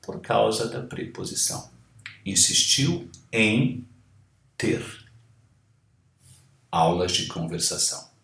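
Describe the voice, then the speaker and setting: Slow-spoken man teaching English, echoey room. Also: on the low side, animated, creaky, a bit bright. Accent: Brazilian Portuguese. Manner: repeats and spells out English words, explains in Portuguese. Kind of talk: pronunciation lesson, modelling words slowly.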